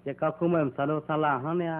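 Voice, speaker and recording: A man's voice: a little high, level tone, racing, lightly acted. A man acting in an amateur drama, talking casually with a bantering manner. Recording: tinny lo-fi with faint guitar.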